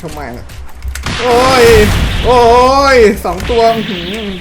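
A man giving loud, excitable gameplay commentary, swearing constantly and yelping as he plays. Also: sits high, takes it slowly. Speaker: gaming YouTuber. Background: game music.

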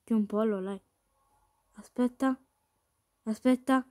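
A woman giving excitable, chatty commentary while playing a game, talking to her viewers and to the game characters. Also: a little high, slow pace. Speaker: gaming streamer. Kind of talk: playful gameplay commentary.

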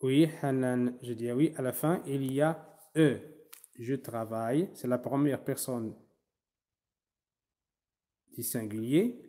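A man teaching French verbs in a class, slow and patient, spelling out endings letter by letter and switching to to explain. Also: mid-range voice, dark tone. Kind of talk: online language class.

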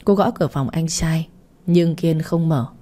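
A woman narrating an audio story in a calm, measured way. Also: sits low.

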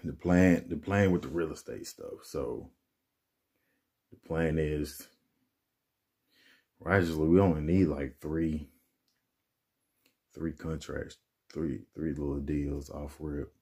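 A young man with a very deep, dark voice chats slowly and loosely to his camera in his apartment. He rambles with slang and restarts, slightly out of breath from hauling furniture. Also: steady tone. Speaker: vlogger. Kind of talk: casual vlog chat. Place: apartment bedroom, indoors.

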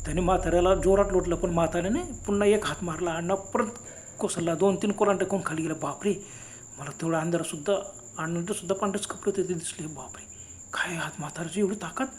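A man telling a first-person ghost story in a hushed, dramatic way, often dropping to a near whisper. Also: high-pitched, steady tone, fast talker, slight background noise. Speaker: horror storyteller and channel host.

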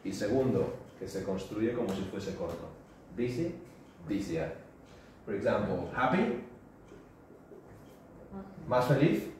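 A man's voice: lowish voice, lively intonation, a little slow, long pauses, darkish tone. A male teacher giving a classroom grammar lesson, repeating words and quizzing his students. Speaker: English teacher. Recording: roomy echo, distant mic, faint noise.

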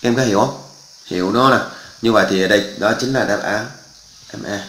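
A man's voice: fairly low pitch, brisk, a bit bright, echoey room, slight background noise, low-quality recording. A male math teacher, walking through exam answers step by step and often checking that students follow. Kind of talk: exam walkthrough lesson.

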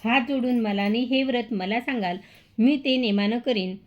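Woman playing a nervous little palace maid, high-ish, muffled lo-fi. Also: moderate pace, lightly acted. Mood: anxious. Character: timid palace maidservant. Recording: dull lo-fi recording.

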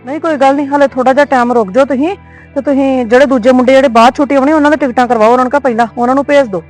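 Actress as a firm young wife on a phone call, brisk talker, faint music under it. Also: female voice, high voice, fairly even intonation, darkish tone, lightly acted. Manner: placating but firm on the phone. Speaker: daughter-in-law. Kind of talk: web series drama.

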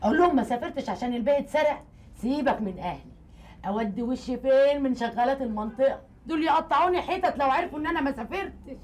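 An actress playing a young housemaid who protests and complains rapidly in a TV comedy. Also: female voice, high-pitched, a little mellow, lightly acted. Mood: protesting. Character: fast-talking young housemaid Gamalat.

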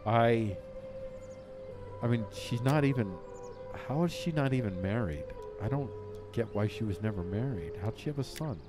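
A man hosting a let's play, giving casual commentary on his strategy game with theatrical mock grief and loud outbursts. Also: medium pitch.

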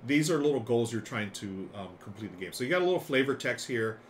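Talking fast in a mid-range voice, a middle-aged live streamer chats enthusiastically about board games, explaining how they work. He's in a small room full of board games, and a steady background noise is clearly audible.

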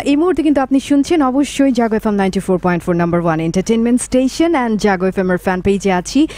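A woman radio host in a studio, chatty and lively, laughing often and dropping English words into her speech. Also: medium pitch. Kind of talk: radio talk show hosting.

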